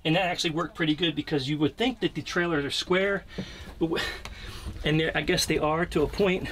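Clicks and clear background noise fill this location recording made in a small camper trailer. There, a fiftyish American man with a fairly high, slightly bright voice talks fairly quickly through an informal, unscripted walkthrough in a plain, hesitant way.

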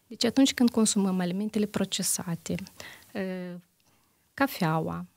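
Gravelly-voiced woman doctor explaining. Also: medium pitch, a little mellow, no echo. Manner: methodical, lists examples, frequent hesitations. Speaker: internist guest on a health show. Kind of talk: explanatory interview answers.

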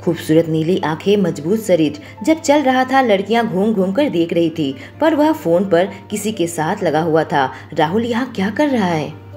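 A woman narrating a romantic audio story as a storyteller, with a steady, expressive reading. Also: on the low side, normal speed, hardly any pauses, faint music behind.

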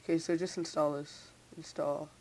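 A young teen with a mid-pitched voice talks through a casual, unscripted computer tutorial. The speech is halting and repetitive, a little impeded by a sore, braced mouth. A faint hiss sits behind the home-mic recording. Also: flat delivery, a little mellow. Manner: halting, repeats words. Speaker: software tutorial maker. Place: indoors at a computer. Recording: hissy, noisy home microphone.

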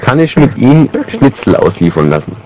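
A prank caller with a mellow, sing-song, mid-range voice talks fairly quickly. He chats casually but keeps a straight face and hesitates, captured on a noisy amateur phone-prank recording.

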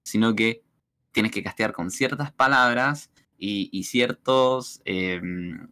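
Chilean man, calm mid voice. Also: lowish voice, slow pace. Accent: Chilean Spanish. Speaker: guest streamer. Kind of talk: casual chat.

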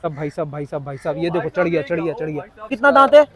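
A man's voice: on the high side, big pitch swings, quick pace. A young man vlogging as he walks through an outdoor cattle market, bantering with sellers and exclaiming at the animals. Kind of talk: walking cattle-market vlog. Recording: crowd noise around. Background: crowd chatter.

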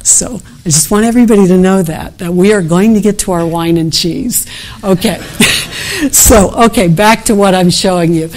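A middle-aged woman gives an unscripted academic keynote at a conference, thinking aloud over her slides and often restarting her sentences. Her voice is on the low side at a normal speed, with a little hiss or hum in the audio.

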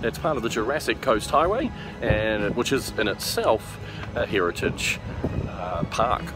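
A man hosts his own travel vlog outdoors beside a harbour, giving plain facts to a handheld camera. His intonation rises and falls in a lively way. Clear background music plays under his voice. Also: fairly low pitch, measured pace. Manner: plain, informative presenter delivery. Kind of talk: presenting to camera and interviewing.

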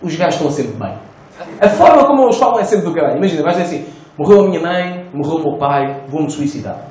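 A male stand-up comedian with a European Portuguese accent, doing crude, animated crowd work on stage. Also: on the high side, fast. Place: comedy stage before a live audience. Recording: roomy live venue with laughing crowd.

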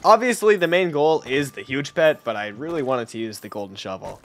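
A young man giving casual gameplay commentary, chatty and quick to laugh, often trailing off quietly at the ends of sentences. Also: mid-range voice, animated, a little hiss or hum. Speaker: gaming YouTuber.

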